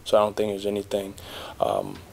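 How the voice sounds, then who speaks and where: A young man, a college basketball player, giving measured, steady answers at a postgame press conference, seated at a table mic. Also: on the low side, gravelly, slight background noise. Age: young adult. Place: press conference room in front of a backdrop.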